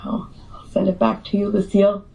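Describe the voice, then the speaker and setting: A woman who coaches people through divorce, speaking with a hoarse voice in slow, hesitant casual talk. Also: medium pitch, flat delivery, mellow. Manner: slow, hesitant, many fillers. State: hoarse from recovering illness. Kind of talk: casual discussion. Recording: muffled lo-fi audio.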